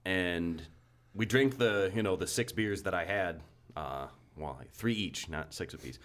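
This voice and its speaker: A man with a very low, deep voice chats casually on a podcast. He rambles through his stories with plenty of fillers and restarts. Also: a little slow, a bit bright. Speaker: podcast co-host. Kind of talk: casual chat.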